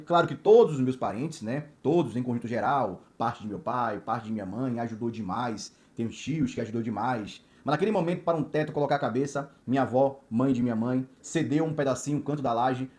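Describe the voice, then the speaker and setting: His voice is medium-pitched with a darkish tone. Originally from Salvador, Bahia, Brazil, the watch distributor narrates his own story forcefully and inspirationally, repeating listed words and using tag questions often.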